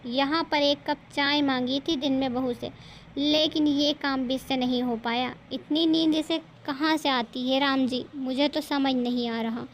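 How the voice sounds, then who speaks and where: A woman's voice: sits high, steady tone, unhurried, slight background noise. Woman voicing a nagging older mother-in-law. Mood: exasperated. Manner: nagging, exasperated complaining. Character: scolding older mother-in-law, sharp-tongued.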